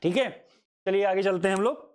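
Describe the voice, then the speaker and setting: Brisk and smooth, this man's voice sits high with a slightly mellow quality. Teaching Hindi grammar, he quizzes himself aloud, restates each definition, and affectionately addresses his pupils as "child."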